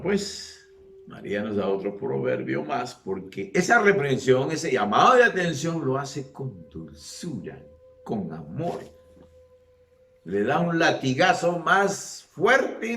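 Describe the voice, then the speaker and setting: Animated preacher man, echoey room. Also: on the high side, slow pace. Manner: animated, acts out voices, rhetorical questions. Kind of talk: sermon.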